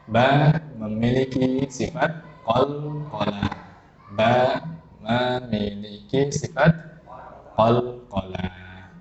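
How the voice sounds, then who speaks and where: A man's voice: medium pitch, echoey room, highs cut off. A man with an Indonesian accent teaching Quran recitation rules, quizzing his students and chanting example syllables. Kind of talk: tajwid lesson.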